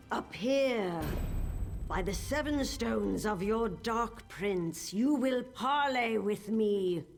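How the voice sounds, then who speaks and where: An actress playing a proud, determined old sorceress in a fantasy video game, haughty, commanding and theatrical. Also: female voice, fairly low pitch.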